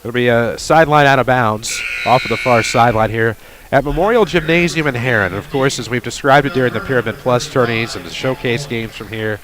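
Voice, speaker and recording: A male play-by-play announcer calls a high school basketball game for radio, quick and wry, from a gymnasium where faint crowd noise can be heard.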